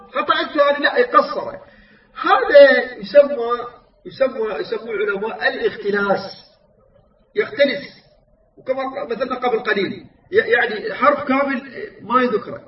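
Guy teaching quran recitation, high voice, drawn out chanted examples, sounds far off and muffled. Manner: explains errors then models recitation, drawn-out chanted examples. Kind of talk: tajweed lesson with recited examples. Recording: echoey, distant, muffled recording.

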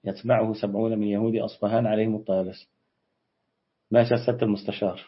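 A husky-voiced Egyptian man runs a casual live stream, firing back quick answers to his viewers' comments. He talks at a rapid clip, with a slightly raspy edge to his voice. The stream audio is dull and lo-fi. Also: on the low side, level tone. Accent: Egyptian Arabic. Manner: brisk, reads out and answers viewer comments, quick dismissive retorts. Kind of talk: casual live Q&A on religion and history.

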